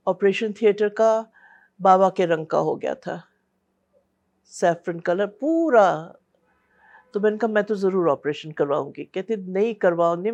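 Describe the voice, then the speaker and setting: An older woman, interviewed, telling personal memories in an unhurried storytelling way and quoting the people she speaks of. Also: medium pitch, a little mellow. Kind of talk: personal recollection. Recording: dull lo-fi sound.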